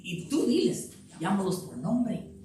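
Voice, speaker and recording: A woman's voice: sing-song, slow pace, a little hiss or hum. A woman pastor preaching a sermon to her congregation in an impassioned way, with many rhetorical questions. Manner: impassioned preaching that climbs higher and louder, with repeated rhetorical questions. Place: church sanctuary. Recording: very echoey church hall, voice from far off.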